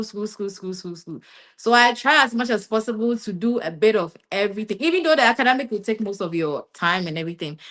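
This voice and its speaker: Speaking at a medium pitch, a Ghanaian woman in her young adult years, currently a master's student, chats casually in an interview. Her replies are loose and meandering, with "yeah" and "basically" often added on.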